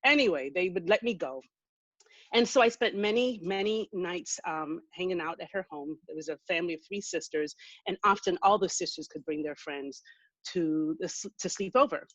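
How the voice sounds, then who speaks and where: A woman's voice: on the low side, normal speed, dry recording. Conversational woman moderator from Jamaica. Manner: warm, conversational, animated storyteller. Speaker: moderator, business school dean. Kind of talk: panel moderation and personal story. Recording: slightly dull lo-fi audio.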